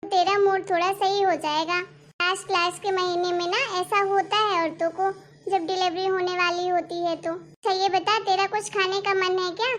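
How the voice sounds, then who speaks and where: A woman's voice: very high voice, fairly even intonation, moderate pace, fairly bright tone, slight background noise. A woman voicing an earnest young daughter-in-law in a cartoon story, pleading and hurt. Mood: caring.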